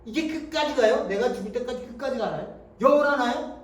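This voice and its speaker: A male pastor preaching a sermon, moving between hushed tones and loud rhetorical questions. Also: very high voice, animated, fairly quick. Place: church sanctuary. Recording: echoey church hall, mic from a distance.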